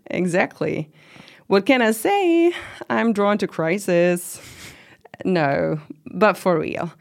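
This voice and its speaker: A woman's voice: mid-range voice, lively intonation, takes it slowly, gravelly. A woman playing a proud middle-aged commune organizer in an interview drama, talking in a casual, reflective, lightly wry way. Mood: reflective, candid. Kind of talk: conversational oral-history interview acting.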